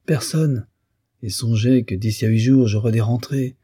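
A man's voice: mid-range voice, fairly even intonation, moderate pace, mellow, slightly rough, no room sound, studio quality, lightly acted. A man voicing a ruined middle-aged businessman who pleads urgently for a loan. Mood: pleading.

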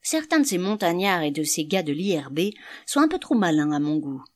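A woman's voice: on the low side, big pitch swings, a little fast. A woman reading an audiobook, voicing a grumbling, scornful middle-aged male canvasser with an indignant, sneering manner.

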